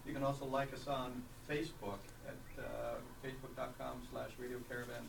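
A man's voice: mid-range voice, little pitch movement, fairly quick, vocal fry. A man hosting a radio talk show in casual, upbeat announcer-style patter, heard through a faulty headset mic that makes him sound distant and tunnel-like. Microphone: malfunctioning headset mic. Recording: echoey, far-off mic with faint background noise.

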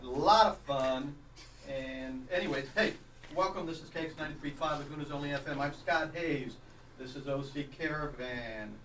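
A man's voice: fairly high pitch, moderate pace, a bit bright. A man hosting a radio talk show in casual, upbeat announcer-style patter, heard through a faulty headset mic that makes him sound distant and tunnel-like. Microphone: malfunctioning headset mic. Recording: echoey, far-off mic with faint background noise.

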